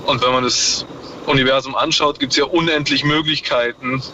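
A man's voice: mid-range voice, steady tone, normal speed, pushed and bright. A man calling in to a radio show from his car on a hands-free speakerphone, musing hesitantly with many fillers. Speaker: caller. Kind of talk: call-in radio chat. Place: in a moving car. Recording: muffled car speakerphone line with faint noise.

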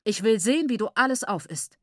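A woman's voice: mid-range voice, expressive, moderate pace, dry recording, studio quality, lightly acted. A woman reading aloud voices a strict middle-aged father who speaks in stern, commanding tones. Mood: angry.

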